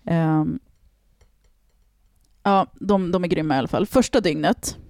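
Gravelly woman telling a story animatedly. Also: fairly low pitch, no room sound, clean studio sound. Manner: animated, swearing, acts out quoted people. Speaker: podcast host telling a story. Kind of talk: casual storytelling chat.

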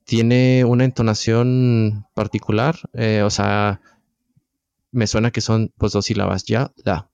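A man's voice: lowish voice, flat delivery, takes it slowly, creaky, a little mellow, clear, resonant tone, dull audio. A man hosting a conversational interview, asking questions and backchanneling. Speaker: podcast host.

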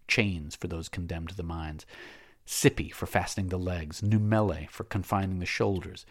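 Male narrator, deep and husky, dramatic measured storytelling. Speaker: audiobook narrator. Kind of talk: scripted narration.

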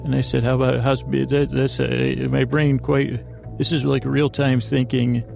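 A man with a medium-pitched, slightly mellow voice that's also gravelly and creaky hosts a sleep podcast, speaking flatly at a moderate pace over soft background music. His bedtime talk meanders and drifts in pace, and he often cuts himself off mid-thought.

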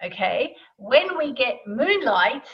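A woman appears as a guest author, casually explaining her subject in conversational interview talk and checking in with the listener along the way. Her voice is high and sing-song, and she takes her time. The recording sounds dull and lo-fi.

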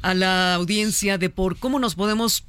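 A woman's voice: medium pitch, fairly bright tone, clean tone, no room sound. A woman, co-hosting a health talk show in a chatty, casual way. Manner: chatty, quick asides. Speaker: co-host. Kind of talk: casual chat.

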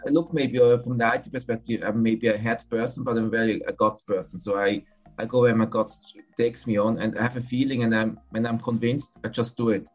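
A Swiss man with a Swiss accent speaks in a mid-range voice with fairly even intonation as a guest in a casual podcast interview. He talks frankly but haltingly, often restarting phrases partway through a sentence. The sound is lo-fi, with faint music in the background.

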